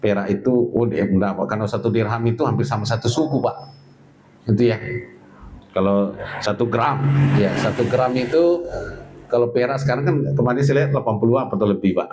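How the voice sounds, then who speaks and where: A man's voice: on the low side, fairly quick, pauses often, a little hiss or hum, low-quality recording. A man preaching a religious study sermon in a conversational, joking way, constantly addressing the audience directly. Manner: conversational, keeps adding "Pak" and "itu, Pak, ya"; jokes with the audience, lively and animated.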